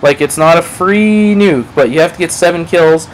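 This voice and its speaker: A man's voice: fairly high pitch, normal speed, slight background noise, poor audio. A man giving casual gameplay commentary over a match, rambling, swearing freely and playing himself down. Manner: rambling, profane, self-deprecating. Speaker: gaming commentator.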